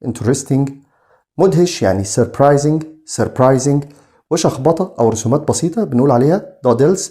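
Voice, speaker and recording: A man with an Egyptian Arabic accent teaching an English vocabulary lesson. He reads each word slowly and then repeats it. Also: medium pitch, expressive, dark tone. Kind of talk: vocabulary lesson, reading words aloud.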